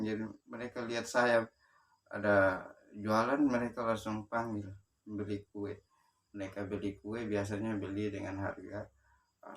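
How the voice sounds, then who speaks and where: A man from Sumba with a low voice recounts his life story in a halting way. He pauses often and restarts his sentences. His voice sounds distant, picked up from some way off the mic. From Sumba, eastern Indonesia. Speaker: motivational speaker. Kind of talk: personal life story told to camera.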